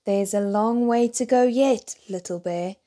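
A woman voicing a patient, cheerful father bear in a storybook, calm and reassuring. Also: medium pitch, measured pace, natural voice.

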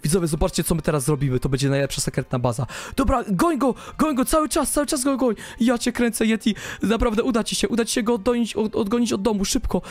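A young man giving excited gameplay commentary, full of rapid exclamations and swinging between hushed talk and shouts. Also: sits high. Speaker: gaming YouTuber.

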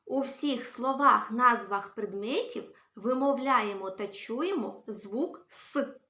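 A woman teacher greeting young children and sounding out words one by one in a phonics lesson, cheerful and slow. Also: fairly high pitch, expressive, bright, forceful tone. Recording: roomy echo.

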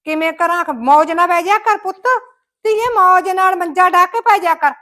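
A woman's voice: extremely high pitch, moderate pace, bright, forceful tone. A woman as a nagging village mother-in-law. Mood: gossipy complaining. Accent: Malwai Punjabi. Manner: scolding, rustic and emphatic. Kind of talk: comic village skit.

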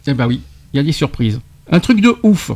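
Un animateur de radio qui interroge son invité en expliquant de l'argot, avec entrain et des rires. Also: male voice, on the high side, big pitch swings, fairly quick, darkish tone. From France. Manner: quizzing, explaining slang terms with laughs. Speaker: radio show host. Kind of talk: radio debate segment.

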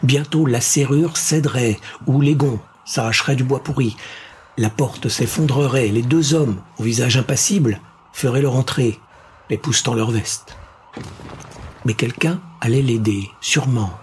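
A man reading a science-fiction thriller aloud in a steady, suspenseful narration. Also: mid-range voice, a little slow, a little hiss or hum. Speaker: audiobook narrator. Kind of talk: scripted narration.

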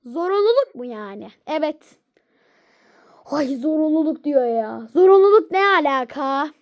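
A woman with a very high voice performs every toy character in a homemade skit, letting them bicker stubbornly back and forth. She speaks slowly and draws out her lines. The recording is dry and close, with no room sound. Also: lively intonation, no room sound, dull audio.

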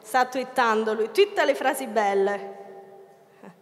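A woman pastor with a Milan Italian accent giving a lively, teasing sermon to her congregation in a theatre hall. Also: a little high, unhurried. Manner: playful, teasing the congregation, acts out voices of doubters. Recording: reverberant hall, live.

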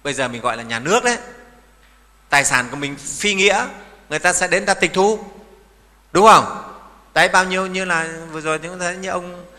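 Bright-voiced monk preaching. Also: male voice, sits high, brisk, long pauses, long reverb tail. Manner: folksy, asks the listeners questions. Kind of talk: sermon.

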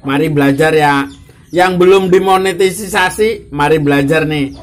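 This casual, chatty vlog features a man at normal speed with a fairly high-pitched voice. Offering advice to new YouTubers, he cracks jokes, says things more than once, and addresses the audience as bro, guys, ma'am, or sir.

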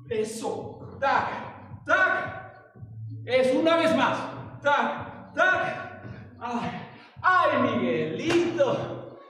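A Mexican man with a strikingly high voice leads an exercise class, calling out counts and moves at an unhurried pace. He sounds playful and coaxing, heard from a distance in a big hall with long, booming reverb. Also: fairly bright tone. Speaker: fitness instructor. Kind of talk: live online exercise class. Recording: echoey hall from far off.

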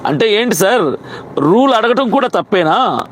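A man who is a pastor, telling the story of his arrest in a heated, fast retelling and acting out both sides of the exchange. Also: high voice, very animated, slight background noise. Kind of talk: recounting an arrest to camera.

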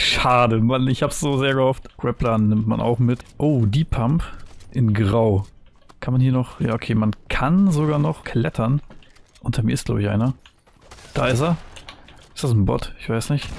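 A young man giving excited, nostalgic commentary on his gameplay, full of youthful slang. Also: medium pitch. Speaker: gaming streamer.

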